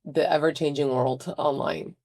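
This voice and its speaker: A woman's voice: sits low, steady tone, normal speed, a little mellow. A woman hosting a podcast interview, chatty and enthusiastic as she talks with her guest. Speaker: podcast host. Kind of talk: casual interview chat.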